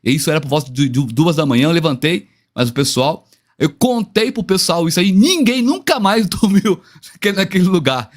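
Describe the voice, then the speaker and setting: Lively Brazilian man telling a story. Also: on the high side, a little fast. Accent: Brazilian Portuguese. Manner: lively storytelling, hesitant restarts. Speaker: guest pastor.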